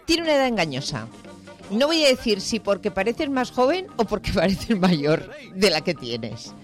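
A woman's voice: mid-range voice, big pitch swings, moderate pace, soft background music. A woman hosting a radio show, chatting casually and teasing her co-host. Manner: playful, teasing.

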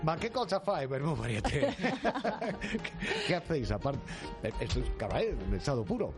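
A man with an accent from Spain hosts a casual live interview. His average-pitched voice swings in a very animated, playful way, often doubling back on words, with music clearly audible behind. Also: a little fast. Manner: playful, stumbling over repeated words. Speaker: show host.

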